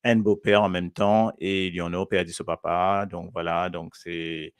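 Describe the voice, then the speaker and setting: A man's voice: low voice, little pitch movement, unhurried, clean tone, no echo, studio quality. A man from Mauritius presenting a radio show in casual chat, hesitant, with many fillers and restarts.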